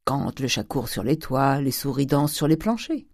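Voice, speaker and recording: A man's voice: medium pitch, sing-song, normal speed, gravelly, no room sound. A man reading an audiobook, voicing a stingy, domineering old cooper who speaks curtly and dryly. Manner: curt, dry.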